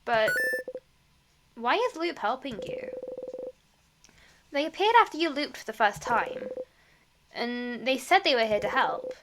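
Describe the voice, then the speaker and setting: A woman's voice: on the high side, animated, measured pace, long pauses, background noise. A woman voicing an anxious young traveler while reading game dialogue aloud, earnest and nervously reassuring herself.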